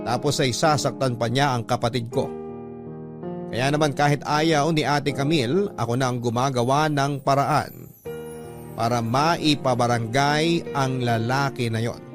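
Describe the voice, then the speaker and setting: Over background music, a man narrates a sentimental radio love story from the viewpoint of a devoted, protective younger sibling. His medium-pitched, natural voice is steady and a little slow, and his tone is earnest and reflective.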